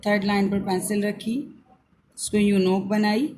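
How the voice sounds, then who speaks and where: Pakistani urdu accent lady teacher, going slow over letter strokes again and again, bit of faint hiss behind. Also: medium pitch, level tone, a little mellow. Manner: slow, repetitive step-by-step instruction. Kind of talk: handwriting and phonics lesson for young children.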